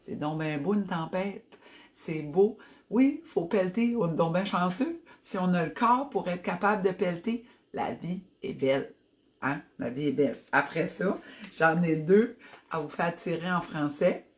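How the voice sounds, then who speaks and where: Chatty Acadian woman with a low voice. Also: lively intonation, a little slow, a little mellow. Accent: Acadian French. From New Brunswick, Canada. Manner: chatty and enthusiastic, mixes in English phrases. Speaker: fitness vlogger hosting a live stream. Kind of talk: casual live-stream chat.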